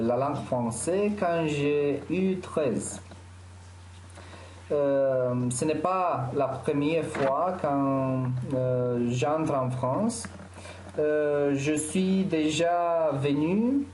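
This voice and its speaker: A man with a Romanian accent, a doctoral student introducing himself haltingly with constant filler sounds. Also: on the high side, darkish tone, roomy sound, slight background noise. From Bucharest, Romania. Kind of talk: self-introduction.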